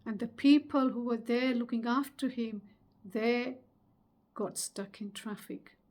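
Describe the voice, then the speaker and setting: Slow, earnest middle-aged woman speaker. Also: fairly high pitch, darkish tone. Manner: slow, earnest, emphatic delivery with pauses. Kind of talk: motivational webinar talk.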